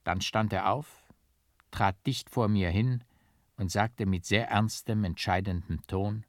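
Low-voiced man narrating an audiobook. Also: takes it slowly, no echo, studio quality.

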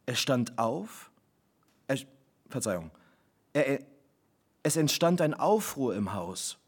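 A man, an author, reading his novel live in measured, reflective first-person narration. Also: medium pitch, very animated, breathy edge. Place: live reading in a broadcasting house.

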